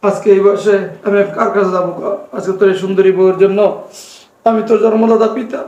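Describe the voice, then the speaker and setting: A man's voice: high-pitched, fairly even intonation, quick pace, darkish tone, close to an everyday voice. An actor playing an old widowed father who pleads with his son not to throw him out. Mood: pleading. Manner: pleading, plaintive. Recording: echoey room.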